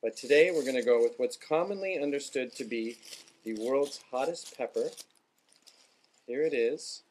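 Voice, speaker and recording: Medium-pitched man, casual vlogger. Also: moderate pace, darkish tone, low-quality recording. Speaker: vlogger introducing a taste test. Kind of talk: casual explanatory vlog to camera. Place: small indoor room lined with bookshelves.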